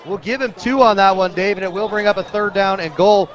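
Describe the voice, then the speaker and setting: An American man does radio play-by-play for a live high school football game, talking briskly and rooting for the home team. He gets excitable on big plays, and the recording sounds muffled.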